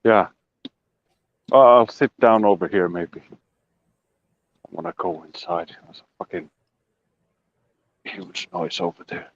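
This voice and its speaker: Low-voiced man, dry and a bit dull on a phone mic, chatty and rambling, giving an outdoor walking tour with goofy sound effects. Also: a little slow, creaky, pauses often. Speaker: show regular giving a homestead tour. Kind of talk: casual livestream walking tour. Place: outdoors on a rural property.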